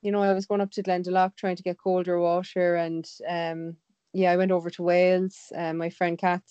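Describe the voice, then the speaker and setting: A woman with a west of Ireland accent chats informally in a clear, smooth voice that sits a little low. The sound is dry, with a slightly muffled, lo-fi edge. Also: level tone, brisk, dark tone, dry recording. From Galway, west of Ireland. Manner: chatty, informal. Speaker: interview guest, sea swimmer. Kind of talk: casual chat.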